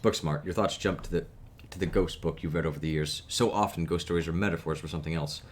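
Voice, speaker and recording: Deep-voiced man streaming a story game. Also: steady tone, fast talker, slight background noise. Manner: casual, profane asides between narration. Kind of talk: reading a visual novel aloud with commentary.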